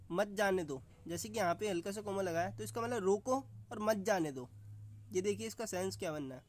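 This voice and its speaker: A man teaching an online exam-prep lesson, calling his viewers friends and explaining with examples. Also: sits high.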